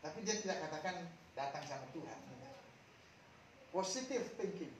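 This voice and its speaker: A male pastor giving a sermon, telling stories animatedly and moving between hushed and loud passages. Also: a little high, expressive, normal speed, noisy background. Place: church hall during a service. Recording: very echoey hall from far off.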